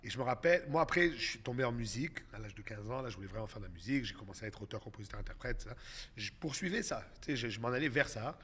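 A comedian in his thirties with a Québécois French accent tells animated stories as a guest on a casual podcast, sprinkling in English words. His medium-pitched voice races along with a slightly rough edge.

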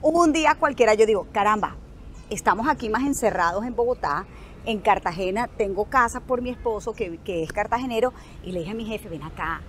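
A woman in her thirties with a Colombian Caribbean coast accent tells stories with animation as an interview guest on an outdoor resort terrace; she is described as both a guest and a news anchor. Her mid-range voice moves fairly quickly, and there's a faint hiss or hum. She's expressive and acts out the dialogue.

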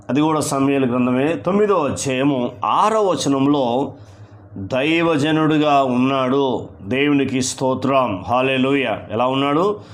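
A man preaching a sermon as pastor, reading scripture slowly and with emphasis and building repeated refrains. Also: medium pitch.

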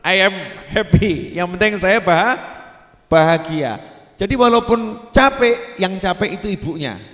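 A male preacher whose high voice leaps up and down as he teases and questions his listeners. His sermon echoes through a large hall with a long tail of reverb. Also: lively intonation, unhurried, a bit bright. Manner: playful, quizzes the audience. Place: religious gathering hall.

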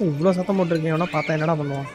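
Casual gameplay streamer, male, South Indian accent, native Tamil, higher-pitched and rapid, with game music behind him. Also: fairly even intonation.

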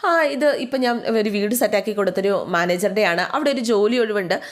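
A woman's voice: medium pitch, brisk, close to an everyday voice. A woman voicing a helpful man who brings news of a job. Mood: businesslike.

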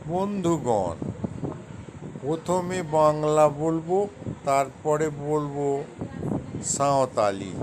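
A man gives a vocabulary lesson at a very slow, deliberate pace, repeating each word again and again. His voice sits a little high for a man. The recording is noisy, with traffic passing behind him. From West Bengal. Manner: repeats each word slowly several times. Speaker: language teacher.

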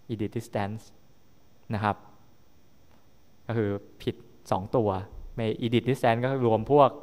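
A male lecturer talking through a technical topic in a classroom. His voice is mid-pitched and carries a long reverb from the lecture hall. He keeps checking that students follow, with frequent tag questions. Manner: explanatory, often checking understanding with tag questions. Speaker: university lecturer.

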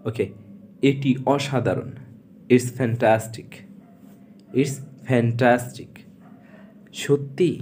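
A male teacher with a Bengali accent works through everyday English phrases at a very slow, drilling pace, voicing each one twice. His voice sits in a middle range. A faint room hum runs underneath. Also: mid-range voice, darkish tone. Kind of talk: spoken English lesson.

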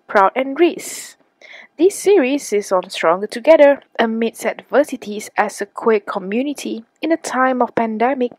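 A woman hosting a podcast who reads her intro and questions slowly and deliberately. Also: high voice, dry recording, rough recording. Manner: slow, deliberate reading. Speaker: podcast host.

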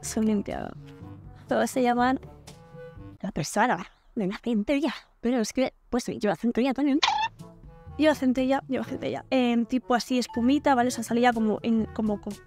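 High-voiced chatty woman. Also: brisk, darkish tone, soft background music. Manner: chatty and gushing, with playful slang. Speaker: beauty vlogger. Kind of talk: casual product review vlog.

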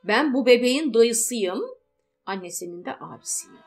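A firm, protective older brother in an audiobook story, read by a woman narrator. He speaks with lively rises and falls of pitch. Soft music plays faintly underneath. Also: moderate pace. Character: protective loving older brother, adult man.

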